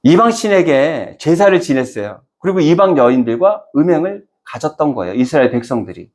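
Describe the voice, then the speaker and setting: A man's voice: fairly high pitch, a little mellow. A male pastor preaching a Sunday sermon, asking the congregation questions and answering them himself, and acting out quoted speech. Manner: acts out quoted speech in dramatic voices.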